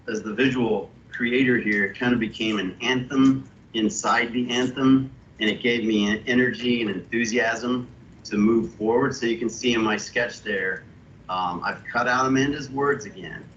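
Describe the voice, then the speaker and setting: A man on a video call, an illustrator thoughtfully explaining his artwork with halting restarts. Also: mid-range voice, fairly bright tone. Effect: heard over a video call. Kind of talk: walking through his artwork. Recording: muffled video call audio with faint hiss.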